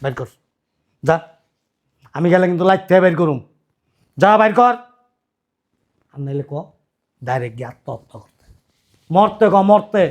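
An actor playing a loud middle-aged father-in-law who keeps berating his idle son-in-law. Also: sits high, animated, normal speed, long pauses. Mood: furious. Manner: shouting, berating, repetitive rants.

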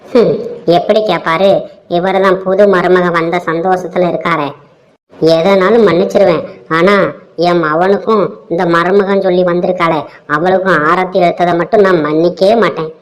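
Cartoon comedy: a woman playing a resentful middle-aged mother-in-law with a Tamil accent, low voice, sarcastic scolding. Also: fairly even intonation, normal speed, lightly acted. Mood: grumbling.

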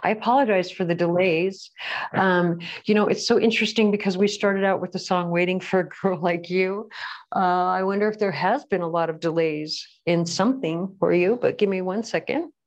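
A woman with a somewhat low voice talks her viewers through a casual tarot reading at home. She rambles in a chatty way and keeps breaking off to apologize. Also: moderate pace. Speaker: tarot reader. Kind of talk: casual pick-a-card reading. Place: at home with a pet bird.

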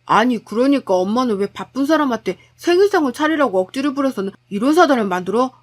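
A woman's voice: high voice, lively intonation, fast talker. A woman voicing a blunt, irritable young husband who talks in an exasperated, reproachful way.

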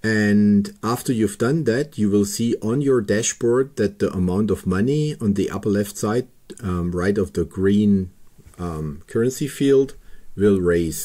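Man slowly talking through a website. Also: fairly low pitch, mellow. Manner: slow, careful, step-by-step with pauses and fillers. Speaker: paragliding pilot explaining a registration website. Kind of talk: screen-recorded tutorial narration.

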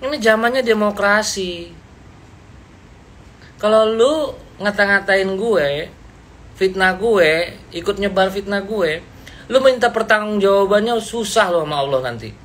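A man, ranting bluntly and confrontationally on a live stream, loud and slangy. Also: high-pitched, measured pace, pauses often. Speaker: livestreamer. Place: indoors, seated.

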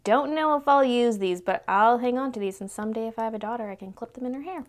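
Gushing young woman with a higher-pitched voice. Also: quick pace. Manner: gushing, exclaims over cute things. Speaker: unboxing video host. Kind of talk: casual chatty unboxing commentary. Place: indoors, tabletop product shoot, speaker off camera.

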